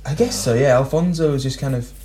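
A young man, a musician guest, telling stories in a rambling, animated way with frequent laughs. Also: medium pitch, quick pace, a little hiss or hum. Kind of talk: casual storytelling chat.

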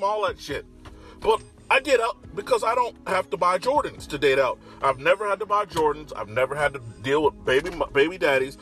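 A man's voice: on the high side, a bit bright. A man with an American accent and a slight lisp, ranting casually in a blunt, profane, conversational way. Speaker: online commentator. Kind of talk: casual opinionated rant.

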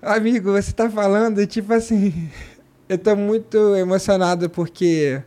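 A man, a guest in a casual chat, telling animated stories and acting out the voices of the people in them. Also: sits high, moderate pace. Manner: animated storyteller, acts out quotes.

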